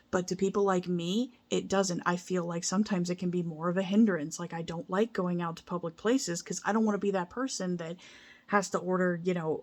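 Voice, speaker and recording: A young woman speaks straight to her viewers in an earnest, rambling vlog, circling back on herself. Her voice sits a little low for a woman, and she is open and emotional. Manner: earnest, rambling, emotional, with frequent restarts and laughs. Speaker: vlogger. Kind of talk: casual heartfelt vlog talk.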